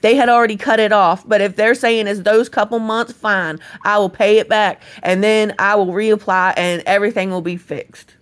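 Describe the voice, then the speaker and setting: A woman's voice: medium pitch, steady tone, moderate pace, few pauses, clean tone. A woman, frustrated on a call about benefits, swearing and repeating herself. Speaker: benefits recipient on a phone call. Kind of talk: phone call and angry venting.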